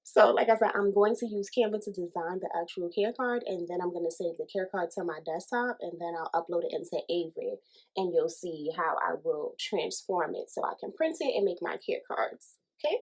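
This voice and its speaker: A woman's voice: fairly low pitch, fairly quick, darkish tone. A woman who runs a small candle business, giving a casual how-to tutorial in a chatty way, calling her viewers y'all, a little out of breath.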